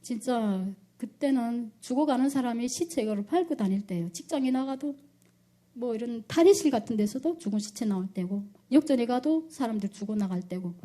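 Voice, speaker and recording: A middle-aged woman from North Korea gives a heartfelt personal testimony in a North Korean accent. Her voice sits a little high but has a mellow, dark tone. She bursts into loud, intense re-enactments when she quotes people. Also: lively intonation, a little fast. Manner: reenacts quoted speech loudly with rising intensity. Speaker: church deaconess giving testimony.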